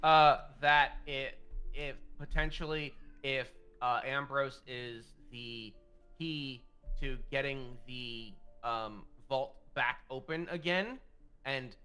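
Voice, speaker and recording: A man's voice: mid-range voice, slow, bright, forceful tone, clean tone, faint music behind. A man playing a tabletop game, talking casually and rambling with restarts. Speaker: player.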